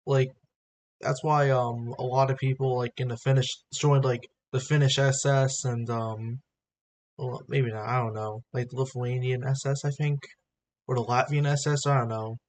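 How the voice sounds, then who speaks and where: Casual male streamer reacting off the cuff, rambling delivery, average pitch, some background noise. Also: level tone, normal speed, a little mellow.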